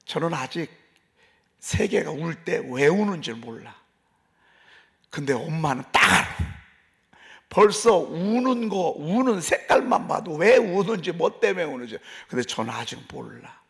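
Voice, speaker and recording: A man's voice: a little high, very animated, a little slow, creaky, a bit bright. A male pastor preaching a dawn service sermon in a folksy, emphatic way, repeating phrases and asking the congregation questions. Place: church sanctuary.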